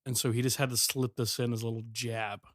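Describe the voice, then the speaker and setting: A man's voice: medium pitch, level tone, fast talker, a bit bright, no echo, clean studio sound. Wry male podcast co-host. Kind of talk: casual comedic chat.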